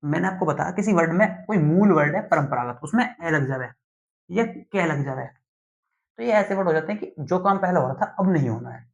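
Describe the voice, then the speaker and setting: A young male teacher lectures slowly and deliberately, pausing often to check that students follow. His voice sits a little high for a man. The recording sounds dull and lo-fi. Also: animated, vocal fry. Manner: slow, deliberate explaining with frequent "theek hai" check-ins. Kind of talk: classroom lecture.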